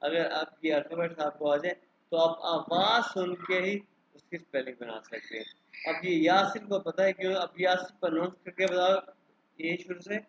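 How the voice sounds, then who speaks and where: A man with a Pakistani accent teaching a German class online, saying the letters slowly and repeating them. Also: high-pitched. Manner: slow and repetitive, spelling letters out loud. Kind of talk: online language lesson. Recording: dull lo-fi call audio with faint noise.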